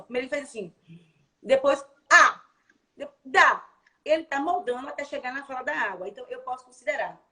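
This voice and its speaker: A woman with a Bahian Brazilian accent, a speech therapist explaining advice to parents on a video call, lively and acting out example phrases for a child. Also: a little high. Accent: Bahian Brazilian Portuguese. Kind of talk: explaining advice in a live chat.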